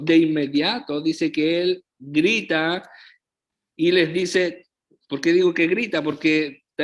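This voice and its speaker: Slow, deliberate preacher man. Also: a little high. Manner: slow, deliberate preaching with frequent rhetorical check-ins to the congregation. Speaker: pastor. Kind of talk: sermon.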